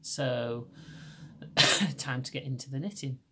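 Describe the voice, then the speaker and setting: A middle-aged woman from England, with a Lancashire accent, hosts a casual podcast chat and takes it slowly, her tone sharp. A little hiss or hum sits in the background. Her naturally deep voice is hoarse from laryngitis, and she rambles with many restarts.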